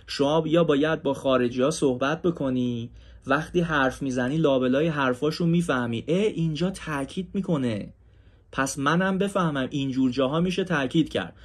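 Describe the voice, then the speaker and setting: A man teaching an English grammar class, explaining in Persian and saying each English example slowly and carefully, with questions to his students. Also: mid-range voice. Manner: talks straight to students, asks them questions.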